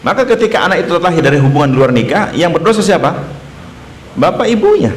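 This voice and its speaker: A man's voice: on the high side, sing-song, quick pace, a little hiss or hum. A man giving a casual Islamic study lecture in a mosque, putting rhetorical questions to his listeners. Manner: conversational, asks the audience rhetorical questions. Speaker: ustadz teaching a mosque study circle. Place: mosque hall. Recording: echoey mosque room, faint ambience.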